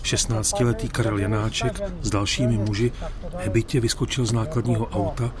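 A man giving measured, scripted documentary narration as a reporter. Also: fairly low pitch, steady tone, crowd noise.

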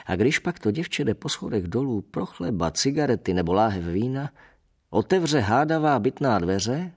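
A man narrating a novel in the first person, measured and wry with a bitter undertone. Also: mid-range voice, big pitch swings, darkish tone, slightly rough. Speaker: audiobook narrator.

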